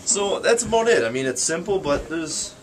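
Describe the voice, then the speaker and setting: With guitar music in the background and poor audio quality, a young adult American fisherman gives a tongue-in-cheek tour of his little wooden ice shack. He sounds high-pitched and animated, speaking at normal speed in a casual, matter-of-fact way.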